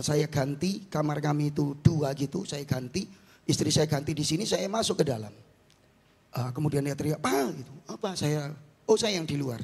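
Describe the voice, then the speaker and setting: A middle-aged East Javanese pastor with an Indonesian accent and a husky voice, preaching with force and then telling a personal testimony in a quieter, halting way. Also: male voice, a little high. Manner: preaches loudly, then tells his story softly and haltingly. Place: large church hall. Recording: long church hall reverb.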